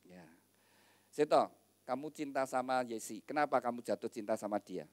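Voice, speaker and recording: A man's voice: mid-range voice, expressive, moderate pace, no echo. A middle-aged man, a pastor giving a wedding sermon and making joking asides to the couple.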